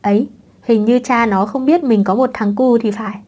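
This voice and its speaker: A playful young mother who gets her way by scheming, as a woman reads her. She talks lightly and teasingly, in a mellow, dark tone suited to an audiobook novel. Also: on the high side, fairly even intonation, normal speed, lightly acted. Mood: breezy.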